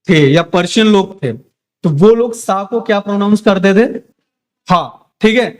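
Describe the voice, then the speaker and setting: A young man with a high voice teaches a class, answering his own questions as he goes and frequently checking that the students can keep up.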